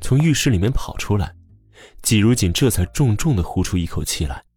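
A man narrating an audiobook drama with expressive storytelling. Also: fairly low pitch, brisk, a little hiss or hum.

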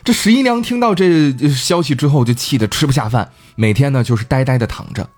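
A man hosting a podcast, telling a folk tale in a chatty, animated way. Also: mid-range voice, fairly quick. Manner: chatty, animated, laughing asides. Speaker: podcast host. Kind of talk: casual storytelling.

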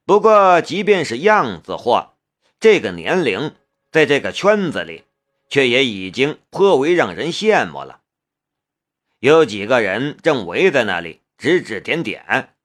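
Slow, expressive male audiobook narrator. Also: mid-range voice. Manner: expressive storytelling.

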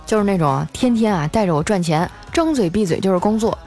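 A woman hosting a show, telling comic stories about her life in a chatty way, with lots of drawn-out filler particles. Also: mid-range voice, animated, darkish tone, faint music behind. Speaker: host. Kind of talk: scripted comic storytelling.

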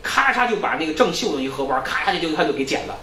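A man lecturing in a lively storytelling style, acting out characters' lines. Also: fairly high pitch, quick pace, roomy sound, distant mic, background noise.

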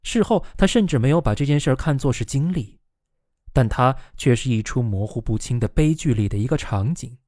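Man, novel narrator, animated audiobook reading, middle pitch, lively intonation, dry close sound. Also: fairly quick, no room sound. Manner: lively, voices the quoted characters with raised pitch.

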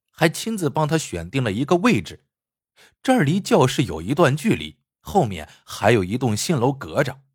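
A man narrating a story in an expressive, animated way. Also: medium pitch, breathy edge, no echo, clean studio sound.

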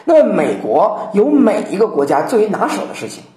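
A woman gives a lively storytelling lecture on classical poetry, acting out the quotations as she goes. Her pitch swings widely from line to line, though it sits in a middle register. The room adds a clear echo. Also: a little fast. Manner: animated, acts out quotations. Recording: roomy echo.

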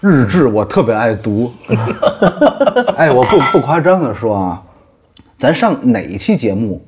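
A man's voice: medium pitch, big pitch swings, brisk, background noise. A man co-hosting a podcast, recalling old shows in an eager, self-deprecating casual chat. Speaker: podcast co-host.

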